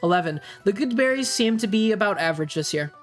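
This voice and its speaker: A game master improvising tabletop narration in a hesitant, halting way, searching for words. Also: medium pitch, animated, soft background music.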